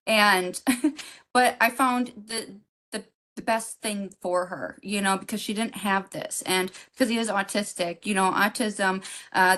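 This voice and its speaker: A woman's voice: mid-range voice, a bit bright. Middle-aged woman, podcast co-host; rambling, emotional storyteller with frequent fillers and restarts. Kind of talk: casual heartfelt storytelling.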